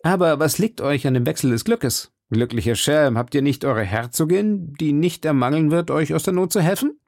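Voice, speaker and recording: A man reading an audiobook gives voice to a young cavalier, calm and courteous, sure of himself. His tone carries a gravelly edge and is recorded close and dry. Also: fairly high pitch, moderate pace, no echo, voice pushed up. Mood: teasing. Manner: calm, reassuring.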